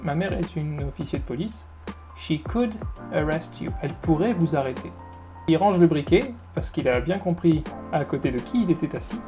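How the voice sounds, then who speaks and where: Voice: mid-range voice, lively intonation, normal speed, dark tone. Online English lesson host, step-by-step explanations in French, music bed audible. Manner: patient, explains step by step and repeats words. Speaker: English teacher.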